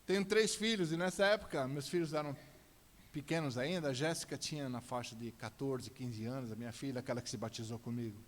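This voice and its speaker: Fast, animated São man testifying. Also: mid-range voice, slight background noise. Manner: animated storyteller acting out dialogue. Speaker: church guest giving testimony. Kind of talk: personal testimony in church. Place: church hall. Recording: reverberant church hall.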